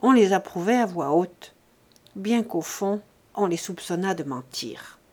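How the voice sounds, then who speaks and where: A woman reading a novel aloud for an audiobook, in steady, clear narration. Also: medium pitch, measured pace. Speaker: audiobook reader.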